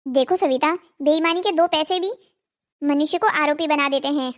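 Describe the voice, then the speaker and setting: A woman's voice: high voice, moderate pace, close to an everyday voice. A woman voicing an honest, preachy village husband. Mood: calm. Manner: calm moralizing. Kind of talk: cartoon drama voicing.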